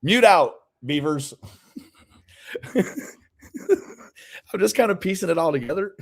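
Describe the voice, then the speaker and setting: A man's voice: high-pitched, animated, takes it slowly. A man giving mocking commentary over a clip, laughing often as he teases the people in it. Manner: laughs often, teasing and sarcastic. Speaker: streamer reacting to a call.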